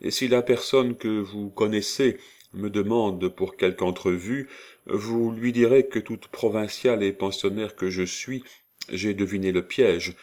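A man's voice: on the low side, a little mellow, natural voice. A man voicing a proud, dignified young woman in an audiobook, speaking with a firm, regal tone.

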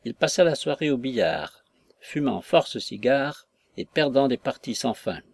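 A man reads a classic novel aloud in a measured, even audiobook style. His voice sits at an ordinary pitch. The recording is dry and close, with no room sound. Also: vocal fry, no room sound. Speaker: narrator. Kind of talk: audiobook narration.

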